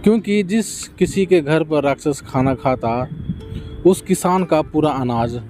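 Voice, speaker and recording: Mellow male storybook narrator. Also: a little high, measured pace, soft background music.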